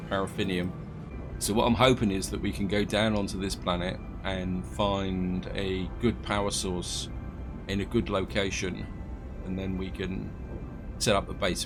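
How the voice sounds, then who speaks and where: A gaming video host with a low voice casually comments on his gameplay as he plays, thinking aloud and correcting himself. Allergies leave his voice slightly croaky.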